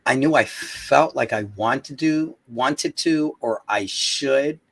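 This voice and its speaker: A man talking as a guest in a casual interview, halting and searching for his words. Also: medium pitch.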